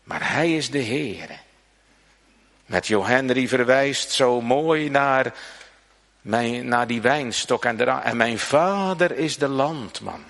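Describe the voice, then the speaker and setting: Slow gravelly preacher, sermon in a church w/ long reverb. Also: male voice, mid-range voice, a bit bright. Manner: slow, gravelly preaching, rising to pleading emphasis. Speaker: pastor.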